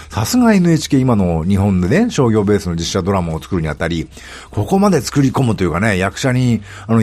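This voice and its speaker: A man's voice: fairly low pitch, darkish tone. A middle-aged man hosting a podcast, talking casually and rambling with many fillers and asides. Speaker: podcast host. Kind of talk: casual solo talk about a TV drama.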